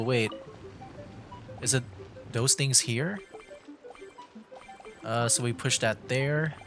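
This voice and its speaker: A mid-range male voice belongs to a game streamer who talks casually as he solves puzzles. He reasons aloud, often stopping and starting over.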